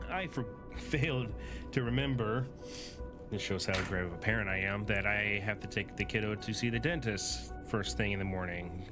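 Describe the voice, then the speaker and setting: A man's voice: fairly low pitch, normal speed. A tired young man casually commenting on his game, thinking aloud with fillers as he goes. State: tired, yawning. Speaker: gaming streamer. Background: game music.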